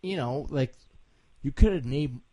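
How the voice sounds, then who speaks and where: A man's voice: mid-range voice, measured pace, dark tone, no room sound. Drunk, hiccuping man rambling crudely. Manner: rambling, crude, heavy swearing. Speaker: podcast host. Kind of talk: casual profane podcast chat.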